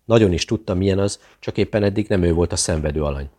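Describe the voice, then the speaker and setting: A man reading a thriller aloud as audiobook narrator, steady and measured. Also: sits low, breathy edge.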